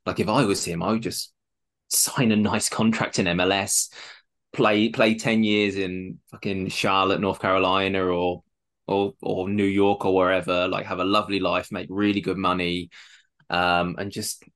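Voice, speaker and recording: A man's voice: low-pitched, level tone, moderate pace, a bit bright. A man co-hosting a podcast, talking casually with joking asides and free swearing. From the UK and Ireland. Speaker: podcast co-host. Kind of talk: casual chat.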